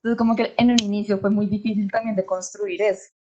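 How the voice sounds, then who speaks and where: A woman's voice: mid-range voice, steady tone, fast talker, dark tone, dull audio, slight background noise. A young woman from Bogotá with a Colombian accent, a history student answering a panel question reflectively, thinking aloud, over a video call. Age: young adult.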